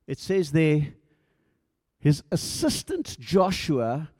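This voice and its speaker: Man preaching a conversational sermon, mellow dry voice. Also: a little high, big pitch swings, slow pace, husky, no room sound. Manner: conversational preaching, acts out dialogue, stumbles and repeats words. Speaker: pastor.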